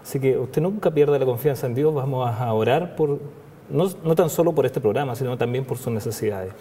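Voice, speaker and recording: A man hosting a faith program, speaking slowly and searching for words with restarts. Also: mid-range voice, dark tone, breathy edge, long reverb tail. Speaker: host.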